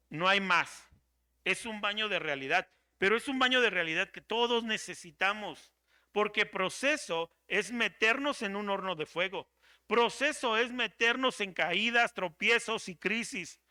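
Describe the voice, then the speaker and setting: A man's voice: high-pitched, sharp tone. A man preaching a sermon as pastor, dramatic and theatrical, acting out the voices of the people he quotes.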